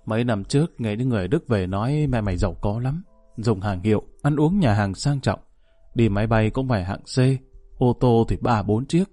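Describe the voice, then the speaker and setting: Man doing a gruff, cold old father. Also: on the low side, lively intonation, normal speed, warm tone, no room sound. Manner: curt, scolding.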